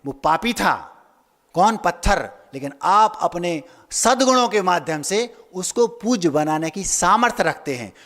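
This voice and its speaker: A man's voice: high-pitched, expressive, measured pace, fairly bright tone. A man giving a sermon as a monk, emphatic, asking rhetorical questions and acting out the people he quotes. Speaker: Jain monk preacher. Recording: long hall reverb.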